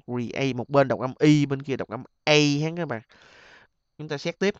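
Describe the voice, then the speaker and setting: A middle-aged man leads an exam review lesson at an even pitch. He stretches each example word out slowly, then hurries through his explanation. The recording is dry and a little dull. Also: dry recording. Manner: repeats and drawls example words slowly, then explains in quick asides. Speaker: English teacher.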